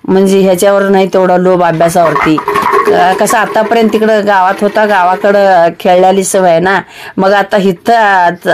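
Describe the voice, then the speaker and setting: Chatty woman narrating a home vlog. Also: mid-range voice. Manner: chatty, rambling, with frequent fillers and restarts. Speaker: vlogger.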